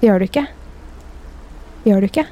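A woman hosting a podcast, reading scary stories in a measured, steady way and chatting casually afterward. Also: medium pitch, highs cut off. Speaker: podcast host. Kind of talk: scripted horror story narration.

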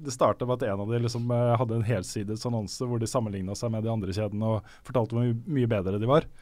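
A man co-hosting a podcast in relaxed, chatty conversation, laughing often. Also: fairly low pitch, no room sound. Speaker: podcast co-host. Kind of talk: casual chat.

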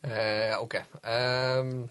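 A man's voice: medium pitch, level tone, a bit bright, clear, resonant tone. A man chatting casually, sounding off-mic. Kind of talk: casual chat.

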